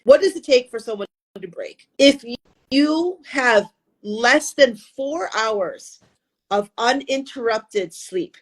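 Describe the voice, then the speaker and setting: Female podcast host, high register, swooping lively intonation, informal storytelling chat. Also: slow, rough recording. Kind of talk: casual chat with anecdotes.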